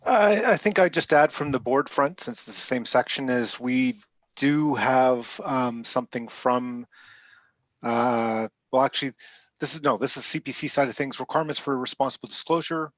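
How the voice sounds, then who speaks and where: A man gives a loose board update to an online meeting, fixing his words as he goes. His voice sits in a middle pitch and sounds dry and close. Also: normal speed, dry recording. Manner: loose, correcting himself as he goes. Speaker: board liaison.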